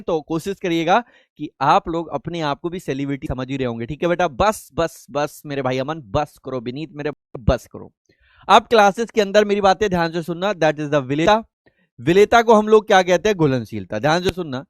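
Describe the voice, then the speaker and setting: A man's voice: a little high, dry recording. A male chemistry teacher giving a live online class lecture. He asks questions, answers them himself, and calls the students by pet names. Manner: affectionate, calls students beta and babu.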